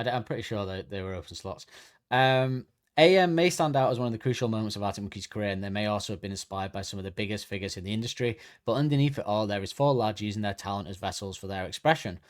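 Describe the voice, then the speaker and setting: A podcast co-host chats casually, reading facts from notes and correcting himself as he goes. His voice is on the low side and he talks fast.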